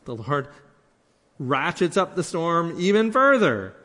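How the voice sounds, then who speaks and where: A man's voice: fairly high pitch, very animated, slow pace, bright, forceful tone, big-room sound. A man preaching a sermon in an earnest way, acting out the lines he quotes and often restarting his words. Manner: earnest, acts out quoted speech, many restarts.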